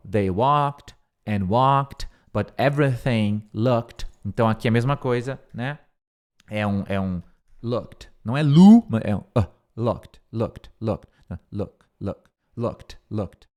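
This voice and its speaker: A man with a Brazilian Portuguese accent teaching English in an informal online lesson, explaining step by step and slowly repeating words for pronunciation, recorded on a close microphone. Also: medium pitch. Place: room with a window, at home.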